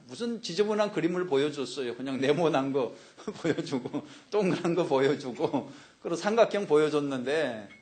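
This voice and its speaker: A man's voice: on the high side, a little mellow. A male pastor preaching a sermon, telling jokes and personal anecdotes and speaking directly to his congregation.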